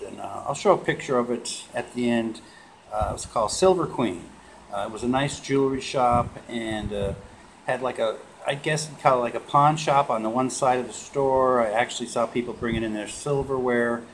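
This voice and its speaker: A man's voice: mid-range voice, creaky. Rambling man showing coins, noisy recording. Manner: relaxed and rambling, with many "uh" fillers. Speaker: coin collecting vlogger. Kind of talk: casual show-and-tell vlog. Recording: noisy home video recording.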